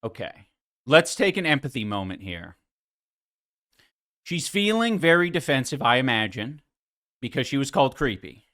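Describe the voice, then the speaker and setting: A man's voice: medium pitch, very animated, moderate pace, long pauses, a bit bright. A man streaming live, reacting to clips with sarcastic, mocking commentary and frequent laughter.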